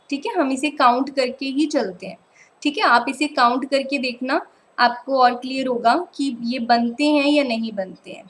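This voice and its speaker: A woman's voice: high-pitched, a bit bright, rough recording. A woman teacher, giving an online lecture over slides and patiently checking that students follow. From Punjab, India. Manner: patient, keeps repeating "ठीक है" to check understanding.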